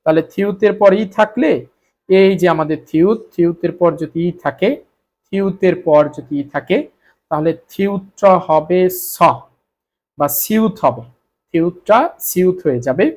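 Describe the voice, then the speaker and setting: A man's voice: sits high, measured pace, darkish tone. A Bengali-speaking man teaching Korean spelling rules, repeating each point and answering his own questions. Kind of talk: explaining grammar rules to students.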